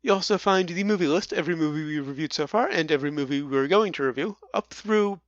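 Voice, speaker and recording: Higher-voiced man hosting a movie podcast. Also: quick pace, dry recording, lo-fi sound. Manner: chatty, stumbles over words. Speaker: podcast co-host. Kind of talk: casual movie review chat.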